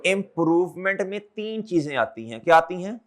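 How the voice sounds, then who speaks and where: A man's voice: high voice, big pitch swings, moderate pace. A man teaching an accountancy class, often repeating his questions back to the students and calling them brother and children. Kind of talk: classroom lecture.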